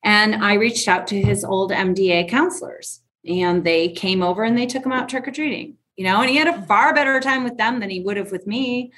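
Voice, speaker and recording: A woman in her forties speaks as an interview guest in a mid-pitched, everyday voice. She is blunt and frank, pressing her points with emphasis. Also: brisk, few pauses, a bit bright. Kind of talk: conversational interview.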